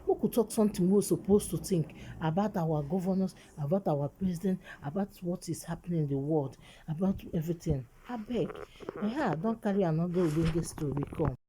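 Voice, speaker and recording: Nigerian woman, low voice, very mellow and dark, Pidgin gossip vlogger, exhortative, repetitive phrasing. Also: fairly quick, slight background noise, low-quality recording. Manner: exhortative, repeats phrases for emphasis. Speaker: gossip vlog host.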